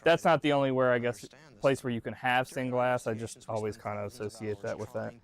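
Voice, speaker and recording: A man's voice: medium pitch, fairly even intonation, fairly quick. A man hosting a casual, jokey reaction commentary on an old show, swearing now and then and acting out mock quotes. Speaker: host reviewing an old TV show.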